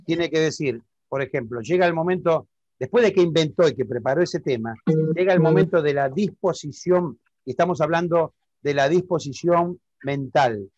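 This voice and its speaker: A man's voice: fairly high pitch, normal speed, darkish tone, no room sound, muffled recording. A man with an Argentine accent teaching public speaking in an online lesson, explaining step by step and often checking that the listener understands. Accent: Argentine Spanish.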